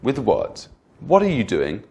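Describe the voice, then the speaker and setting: A man teaching an online English pronunciation lesson, patiently repeating example words and slowing down to show which words carry stress. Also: on the low side, wildly swooping pitch, creaky, dark tone.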